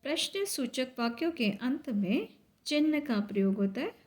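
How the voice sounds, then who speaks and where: A woman teacher, going through a grammar lesson slowly and step by step, asking and answering her own questions. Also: high-pitched, big pitch swings, a little mellow. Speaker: school teacher.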